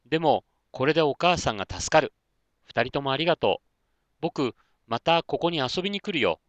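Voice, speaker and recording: A man's voice: medium pitch, expressive, fairly quick, a bit bright, no echo, muffled recording, natural voice. A man voicing a kind, eager young boy in a children's story.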